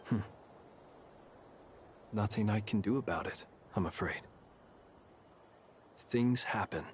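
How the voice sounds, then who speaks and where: Man playing a deep, courtly, unruffled lighthouse keeper. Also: slight background noise, lightly acted. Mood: teasing, unruffled. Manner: courtly, unruffled, gently teasing. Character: calm, wry male lighthouse keeper under a curse. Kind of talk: video game voice acting.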